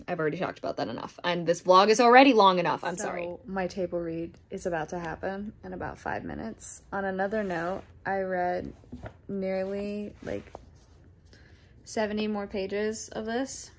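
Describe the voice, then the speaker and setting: A daily vlogger rambles through a casual video diary chat, correcting herself along the way. She talks at a normal speed with a medium-pitched voice.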